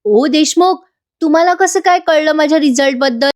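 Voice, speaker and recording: A woman voices a nervous young woman waiting on her exam results. She sounds anxious and polite, with a slightly high voice. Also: moderate pace, natural voice.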